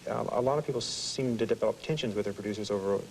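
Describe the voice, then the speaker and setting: A man interviewing someone informally, halting and rephrasing his questions as he goes. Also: on the low side, a little mellow, slight background noise, poor audio.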